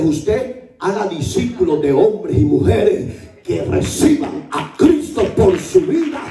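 A male pastor preaching a sermon to his church, animated and joking as he tells stories. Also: high-pitched, echoey room, far from the mic. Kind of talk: Pentecostal sermon. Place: church hall.

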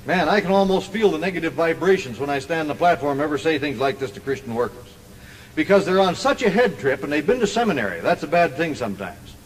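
A man with a high voice preaches to a congregation, talking plainly and then lifting into ringing, emphatic declarations. His voice carries a long reverb from the church hall around him. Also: very animated, fast talker, a little hiss or hum. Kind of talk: sermon.

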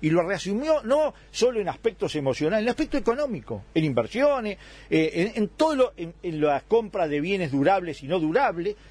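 A husky, slightly raised voice belongs to a man. His pitch leaps widely as he argues in a radio debate. He repeats phrases and presses each point hard. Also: sing-song, normal speed, a little mellow. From Italy. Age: 60s. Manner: emphatic, argumentative, repeats phrases for stress. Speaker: debate guest.

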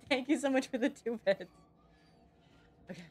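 A woman's voice: high voice, lively intonation, measured pace, darkish tone, husky. A young woman streaming a game, swearing often and bantering in exasperation with her chat. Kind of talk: casual gameplay streaming.

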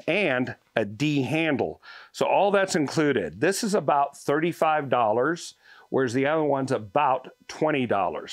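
A man's voice: mid-range voice, no echo. Folksy older man reviewing farm tools. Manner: folksy, explanatory, hands-on demonstrating. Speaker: tool reviewer, channel host. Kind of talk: casual product review. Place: garage workshop, then outdoors on a farm yard.

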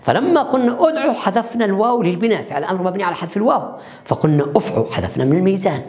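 Gravelly, animated man lecturing. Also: high voice, rapid-fire. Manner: explains step by step, asks the class questions and answers them himself. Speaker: university lecturer. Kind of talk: recorded online lecture. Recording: echoey room, dull lo-fi sound.

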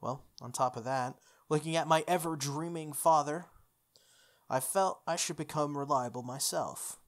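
Reading a visual novel at a moderate pace in a mid-range voice, the playthrough host keeps things playful. Casual asides about the script interrupt the reading, and game music runs underneath.

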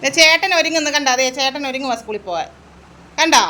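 A woman in the family chatting quickly to a small child at home. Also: high-pitched, pushed and bright, a little hiss or hum. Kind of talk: casual talk at home.

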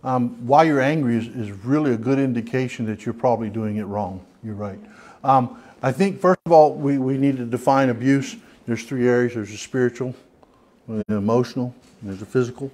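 Leading an informal Bible study in a church hall, a man with a Southern US accent rambles in a folksy style, full of restarts and fillers. His mid-range voice has a darkish tone and moves a little fast.

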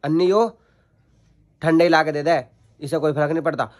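A man's voice: on the high side, steady tone, moderate pace. A young man, chatting and teasing his family while filming a casual vlog at home on his phone. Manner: teasing, chatty, addresses viewers as guys. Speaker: vlogger.

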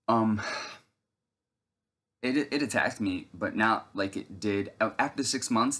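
A man in his thirties giving a rambling, earnest religious testimony, with many fillers and restarts. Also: lowish voice. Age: 30s. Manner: breaks off to shout at someone off camera. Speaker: video testifier.

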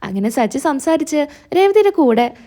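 A woman's voice: sits high, sing-song, moderate pace, dark tone. A woman storyteller recapping a TV serial plot in plain, flowing narration. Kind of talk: retelling a TV serial.

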